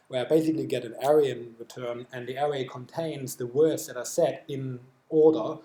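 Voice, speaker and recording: A man's voice: a little high, mellow, echoey room. German-accented man giving a tech talk. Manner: explanatory, with frequent fillers and restarts. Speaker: software developer presenting at a meetup. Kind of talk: technical talk with live demo. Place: meetup room.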